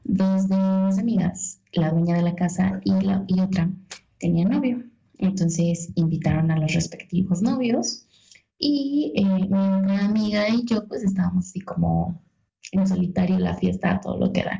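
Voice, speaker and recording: A young Mexican woman tells a personal story in a lively, self-mocking way and acts out the lines of the people in it. Her voice is gravelly and dark, and it sounds a little dull, as if recorded with limited sound. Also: mid-range voice, moderate pace. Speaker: guest storyteller. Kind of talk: casual anecdote.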